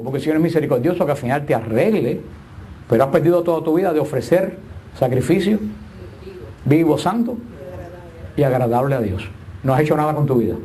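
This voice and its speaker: A man's voice: a little high, dark tone. A middle-aged man preaching a sermon with emphatic, swinging delivery and joking asides.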